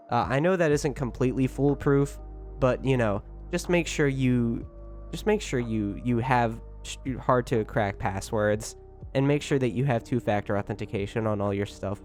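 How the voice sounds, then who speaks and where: A man hosting a casual livestream, rambling on chattily and informally to his chat. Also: mid-range voice. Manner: rambling, chatty, keeps talking; informal, with swearing. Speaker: livestream host talking to chat. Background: music.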